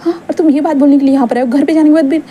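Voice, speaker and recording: A woman doing a calm reserved young boss. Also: high voice, rapid-fire, a little hiss or hum, lightly acted. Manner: calm, short questions. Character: young man, quiet, reserved, devoted boss.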